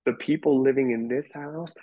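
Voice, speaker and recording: A reality TV star who grew up in a Persian community guests on a casual podcast, speaking candidly and animatedly about his views with the occasional swear word. His mid-range, dark-toned voice has fairly even intonation at normal speed, and the sound is lo-fi.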